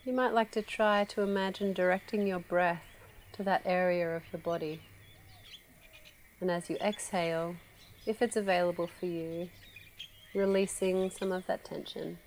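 A woman guiding a relaxation meditation, speaking slowly and softly with long pauses. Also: fairly low pitch, a little hiss or hum. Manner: slow, soft, calm with long pauses. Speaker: meditation guide.

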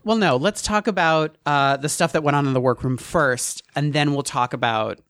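A man co-hosting a podcast, recapping in an easygoing way, full of ums and casual swearing. His voice has a middle pitch, and the sound is dry and close to the mic. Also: normal speed, a bit bright, dry recording. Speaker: podcast co-host. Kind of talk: casual chat.

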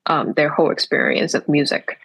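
A young woman from Hong Kong, a percussionist guest in a casual podcast interview, speaking thoughtfully with frequent pauses. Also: low voice, very animated, vocal fry, fairly bright tone, slightly rough.

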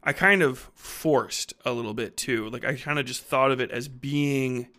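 In a sharp, mid-range voice with fairly even intonation and a moderate pace, a fiction-writing podcast host in his thirties talks off the cuff. He rambles casually, blunt and slangy, and swears a great deal.

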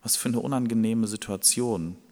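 A man plays a flustered man caught without food for a guest, worried and then insistently pleading. His voice sits low. It echoes through a large hall. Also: moderate pace, dark tone, close to an everyday voice. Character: flustered man begging a friend for bread at night.

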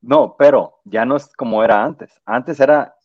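A man's voice: medium pitch, normal speed, no echo. A man with a Mexican-American accent, co-hosting a casual podcast chat and mixing in English words. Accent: Mexican-American Spanish. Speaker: podcast co-host. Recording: dry, dull lo-fi sound.

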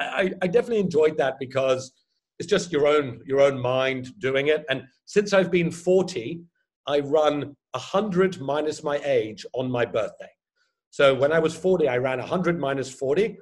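A man in his fifties, an ultra runner chatting casually about his races, self-deprecating and quick to laugh. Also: medium pitch. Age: 50s. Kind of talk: casual chat.

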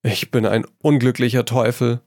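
A man reading a story aloud, voicing an earnest young gentleman who talks quickly when he is flustered. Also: medium pitch, flat delivery, dry recording, studio quality, natural voice.

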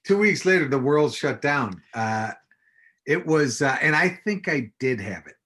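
A man's voice: medium pitch, lively intonation, a little slow, a bit bright, breathy edge. A man, an improv teacher, chatting as a podcast guest with many fillers and wry jokes. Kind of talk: casual podcast chat.

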